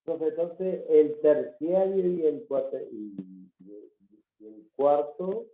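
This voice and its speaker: Dude on a choppy breaking-up call, slightly high voice, sounds tinny. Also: male voice, reverberant. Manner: halting, restarting words. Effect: audio breaking up on a bad connection. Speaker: student. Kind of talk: student question in an online class. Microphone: video call.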